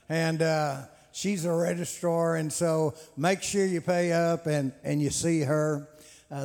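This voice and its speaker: A man's voice: fairly high pitch, a little mellow. A man hosting a church men's conference, talking in a folksy way with lots of "uh" fillers and repeated words. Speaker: conference host. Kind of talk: conference announcements and testimony. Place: large hall with long reverb. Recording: reverberant hall sound.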